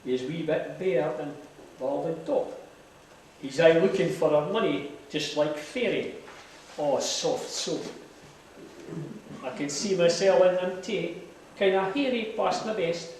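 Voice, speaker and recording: A man with a broad Scottish accent recites comic dialect verse to a gathering. His voice sits slightly high and comes from a distance in a heavily reverberant room, with faint noise behind it. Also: a little slow, darkish tone. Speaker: amateur poetry reciter. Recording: very echoey hall, distant mic, noisy.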